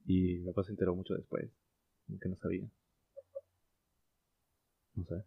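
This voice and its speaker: Low-voiced man telling a story, hesitant. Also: level tone, normal speed, creaky, slightly rough, no echo. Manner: hesitant, many fillers and restarts. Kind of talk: casual chat. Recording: lo-fi muffled sound.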